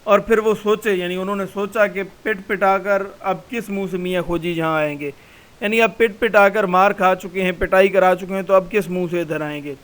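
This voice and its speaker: A man's voice: sits high, fairly even intonation, fairly bright tone, clear, resonant tone, rough recording. A man, a college lecturer, reading a passage aloud in a recorded class and explaining it word by word.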